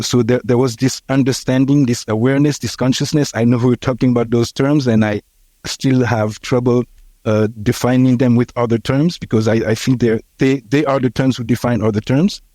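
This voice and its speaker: A Haitian man in his sixties, a podcast guest, tells his life story reflectively and haltingly, full of fillers and restarts. His voice is mid-range and darkish, with no room sound.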